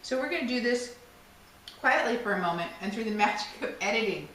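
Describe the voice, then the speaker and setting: A woman's voice: fairly high pitch, lively intonation, brisk, a bit bright, far from the mic. A chatty, joking woman co-hosting a craft show, heard from across an echoey room. A faint hiss sits under her voice, and her delivery is loose and self-mocking. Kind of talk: casual crafting chat.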